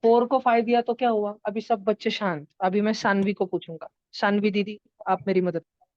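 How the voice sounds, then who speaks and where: A woman's voice: mid-range voice, fairly even intonation, brisk, a little mellow, no echo, dull audio. A woman teaching a math lesson to children in an online class, turning numbers into story characters and acting out their lines. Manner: playful, acts out number characters in voices.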